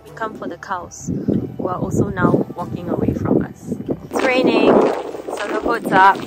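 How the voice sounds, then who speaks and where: A woman's voice: medium pitch, normal speed, low-quality recording. A young woman vlogging a road trip outdoors, playful and giggly, chatting in asides to the camera. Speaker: travel vlogger. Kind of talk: casual travel vlog. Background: loud background music.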